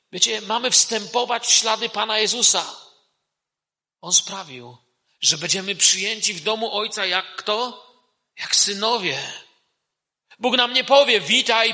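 A man preaching a sermon, asking the congregation lively rhetorical questions. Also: high-pitched, in a large hall.

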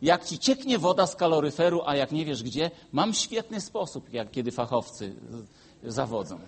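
A man delivers a sermon in a high, animated voice that climbs and drops all over the place. He tells stories, rising to forceful, emphatic peaks and then dropping into quiet, low asides. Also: normal speed, slightly rough. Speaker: pastor.

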